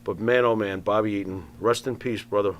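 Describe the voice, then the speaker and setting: A man's voice: lowish voice, steady tone, fairly quick, dull audio, slight background noise. A man chatting casually as a talk show co-host, emphatic and repeating words for effect.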